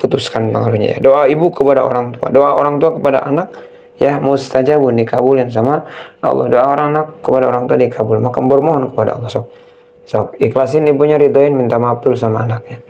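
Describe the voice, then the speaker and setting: A man, a ruqyah cleric gently guiding a family through prayer and rising into fervent pleas. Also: medium pitch, fairly even intonation, fast, muffled recording, a little hiss or hum.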